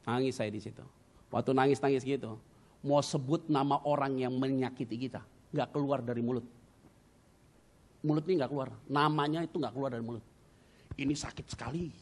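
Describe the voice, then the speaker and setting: A middle-aged male pastor preaching a sermon, telling personal stories dramatically with sudden loud bursts and English words mixed in. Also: mid-range voice, fairly even intonation, fairly quick.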